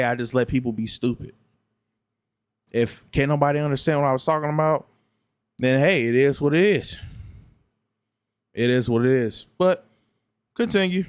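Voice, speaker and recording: A man's voice: mid-range voice, dry recording. Tired blunt man, late-night stream. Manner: repetitive, blunt, argumentative. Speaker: gaming streamer responding to another streamer. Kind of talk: late-night casual reaction commentary.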